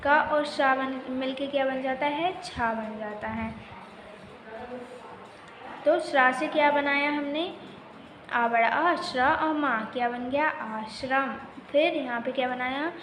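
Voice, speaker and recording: A woman with a high voice teaches a primary school grammar lesson. She asks a question, then answers it herself, spelling words out syllable by syllable. The recording echoes with a faint hiss behind it. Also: slow pace. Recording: echoey room with faint noise.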